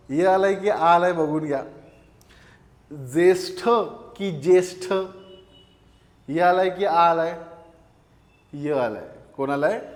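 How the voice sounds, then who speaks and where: Guy teaching grammar to a class, keeps repeating stuff back to students, voice rings around a big echoey room. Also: a little high. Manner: asks questions and answers them himself, repeats terms.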